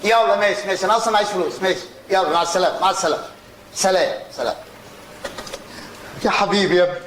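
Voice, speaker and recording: Man playing a loud, broke Egyptian father. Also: sits high, very fast, slight background noise. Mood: fond. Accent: Egyptian Arabic. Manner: loud and exasperated. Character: broke, hot-tempered middle-aged Egyptian father. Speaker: stage actor. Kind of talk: stage comedy acting. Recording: roomy stage sound.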